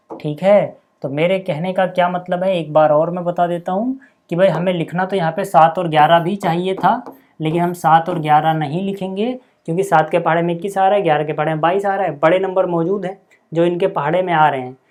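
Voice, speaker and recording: A man teaching a maths lesson step by step, dictating numbers slowly and checking in constantly with his students. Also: a little high.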